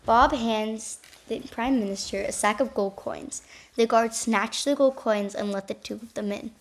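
A woman reads the narration for an amateur radio play. She announces each scene plainly and matter-of-factly. Her voice is slightly high. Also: unhurried.

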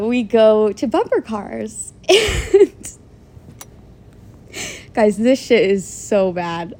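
A young woman in her twenties hosting a podcast, telling a dating story in a chatty, giggly way, laughing often and swearing. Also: fairly high pitch. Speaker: podcast host. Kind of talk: casual storytelling.

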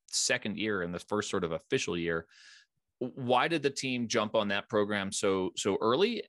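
A man's voice: fairly low pitch, a bit bright, no room sound, clean studio sound. A man from Philadelphia with an American accent, hosting a conversational podcast interview and saying any Spanish names with American pronunciation. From Philadelphia, United States. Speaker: podcast host.

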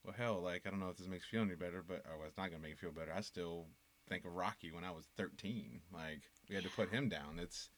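A man co-hosting a podcast in casual chat, relaxed and joking, swearing easily and laughing often. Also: low voice, fast talker. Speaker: podcast co-host.

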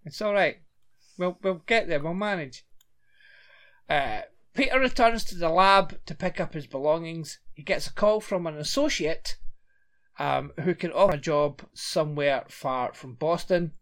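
A man's voice: fairly high pitch, fairly bright tone. A man, chatting casually and rambling a little as he recaps a TV episode as a podcast co-host. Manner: chatty, rambling, quick to laugh.

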